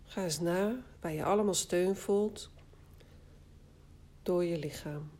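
A woman guiding a body scan relaxation exercise, speaking calmly and soothingly in short phrases with long pauses. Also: on the low side. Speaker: guided meditation instructor.

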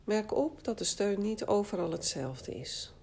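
A woman guiding a body scan relaxation exercise, speaking calmly and soothingly in short phrases with long pauses. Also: medium pitch, gravelly. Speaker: guided meditation instructor.

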